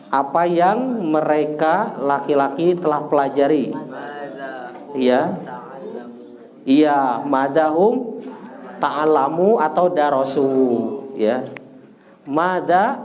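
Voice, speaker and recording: A man with a slightly high, darkish voice teaches an Arabic classroom lesson, patiently drilling vocabulary in a sing-song tune. He jokes and chuckles as he corrects.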